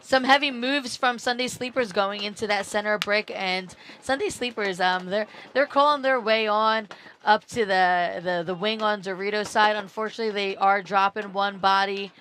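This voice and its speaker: A woman's voice: mid-range voice, steady tone, moderate pace, fairly bright tone, a little hiss or hum. A woman doing live paintball commentary from a small booth beside the field, chatty, laughing often and repeating words as she talks.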